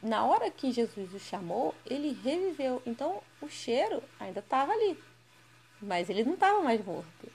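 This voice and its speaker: Woman, fairly high voice, chatty scripture commentary, questioning tags, emphatic at times. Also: sing-song, moderate pace, darkish tone, husky. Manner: conversational, often ends phrases with a questioning tag. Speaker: Bible reader and commentator. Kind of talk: scripture reading with casual commentary.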